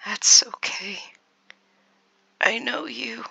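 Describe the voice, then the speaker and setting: A woman's voice: a little high, extremely slow, gravelly, husky, no room sound, full character voice, low-quality recording. A woman whispering as a lonely forest man. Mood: dying whisper. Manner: hushed, pleading whisper. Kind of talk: whispered role-play.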